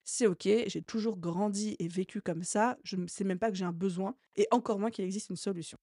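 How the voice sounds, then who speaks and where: A woman's voice: medium pitch, steady tone, fairly quick, mellow, husky, dry recording, studio quality. A woman hosting a solo podcast, explaining marketing ideas in a conversational, teaching way with frequent fillers. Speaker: podcast host and marketing coach. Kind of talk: solo educational podcast talk.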